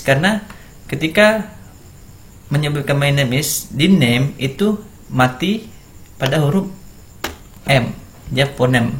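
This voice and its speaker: A man giving an online lecture, explaining slowly, with fillers and repeats. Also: medium pitch.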